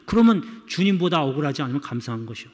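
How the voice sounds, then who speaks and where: A man's voice: fairly high pitch, big pitch swings, rapid-fire, darkish tone, long reverb tail. A male pastor preaching a sermon in a church, speaking emphatically and repeatedly addressing the congregation. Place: church sanctuary.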